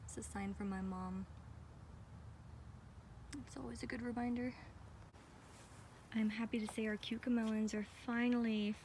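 An American woman walks viewers through her backyard garden in a casual, chatty, enthusiastic vlog, speaking in a fairly high voice with a darkish tone. It's recorded outdoors on a handheld phone from behind the camera, with slight background noise.

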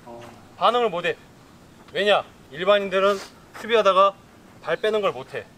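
A man in his thirties coaching football players on an outdoor pitch, giving brisk instructions and commands, recorded from a distant camera. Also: lively intonation, pushed and bright, a little hiss or hum.

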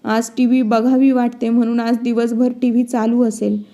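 A woman's voice: fairly high pitch, level tone, moderate pace, lightly acted. A woman voicing an elderly widowed mother who firmly scolds her son and daughter-in-law. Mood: defiant. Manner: forceful, scolding reading.

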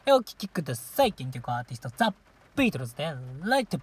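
A woman's voice: sits low, big pitch swings, racing, darkish tone, slightly rough. A woman hosting a solo livestream radio show, chatting casually in a rambling, self-mocking way. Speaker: streaming radio host.

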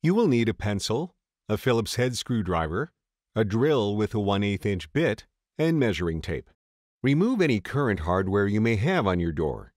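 A man reading a scripted voice-over for a step-by-step installation tutorial, in a steady, measured way. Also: lowish voice, no room sound, studio quality. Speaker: tutorial narrator.

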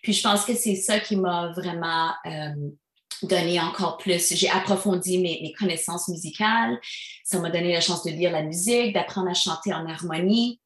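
A lowish female voice at a moderate pace, captured in an echoey room. She's a Franco-Albertan singer-songwriter in her thirties from Alberta, Canada, with a Franco-Albertan French accent, chatting as an interview guest in a relaxed way packed with fillers.

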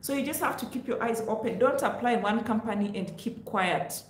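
In an echoey little home office, the Kenyan-accented, middle-aged host of a careers vlog offers casual, emphatic advice. She talks briskly in a voice pitched a little high.

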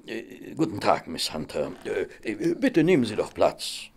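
An actor playing Doctor Watson, a kindly and patient companion to a detective, in a German audio drama, with a hesitant, gentle, gentlemanly delivery. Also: male voice, fairly low pitch, very animated, unhurried, heavily acted. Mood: reassuring. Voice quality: gravelly, husky.

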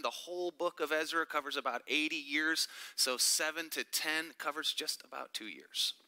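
Bright-voiced man teaching Bible study. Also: a little high. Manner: chatty, joking asides to the group. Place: church meeting room.

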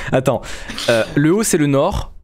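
Male gaming host, lively swinging pitch, playful, joking banter. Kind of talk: casual gameplay chat.

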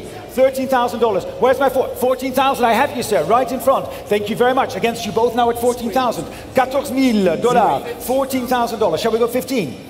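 A man working as an auctioneer, calling bids live in a repetitive chant with courteous, formal address to the room. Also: very high voice. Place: large auction hall. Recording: echoey hall PA, background noise.

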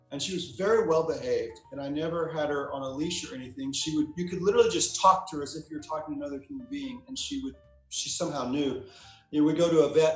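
A man being interviewed as a psychotherapist, explaining through relaxed anecdotes and acting out quoted lines. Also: on the high side. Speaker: psychotherapist guest. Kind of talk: interview answer, storytelling. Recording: roomy echo.

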